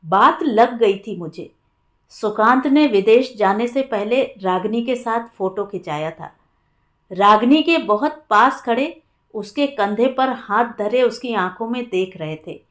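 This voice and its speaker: A woman narrating a short story in a calm, measured storytelling manner. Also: on the high side. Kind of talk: Hindi short story reading.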